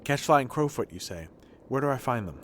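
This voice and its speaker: A man voicing a skeptical doctor from a video game in a measured, dry, probing manner. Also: medium pitch, animated, a bit bright, a little hiss or hum, pitched below the performer's own voice, natural voice. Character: skeptical, dry male doctor questioning a child. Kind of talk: read-out video game dialogue.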